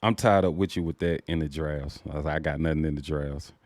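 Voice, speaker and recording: A man's voice: extremely low pitch, quick pace, darkish tone, no echo. A man chatting casually as an interviewer, asking questions and sharing his own habits. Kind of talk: casual chat.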